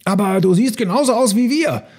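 A man reading a storybook aloud, voicing a boisterous herd of jungle elephants in an excited, squeaky voice. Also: moderate pace, heavily acted. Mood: dismayed.

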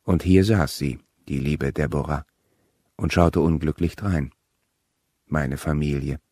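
Deep-voiced calm male audiobook narrator. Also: a little slow, no echo, studio quality. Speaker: audiobook reader.

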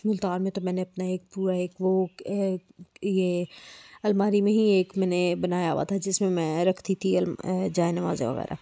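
A woman's voice: mid-range voice, warm tone. A woman from Pakistan giving a casual home tour while filming on her phone, chatting with frequent fillers and restarts. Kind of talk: casual walkthrough narration. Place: apartment rooms indoors. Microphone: phone camera held while walking.

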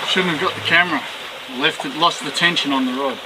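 A middle-aged man, calmly narrating a sailing vlog outdoors on a catamaran. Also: fairly high pitch, fairly quick. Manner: calm, matter-of-fact. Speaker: sailing vlogger. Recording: loud wind and water noise.

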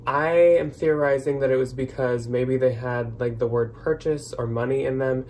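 A man in his twenties with an American accent hosts in a casual, chatty vlog style from a small, plain indoor room. His mid-range voice is steady, moderately paced, and a little mellow, with slight background noise.

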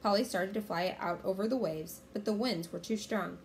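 A woman's voice: medium pitch, moderate pace, slight background noise. Woman reading a children's storybook aloud. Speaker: children's book reader.

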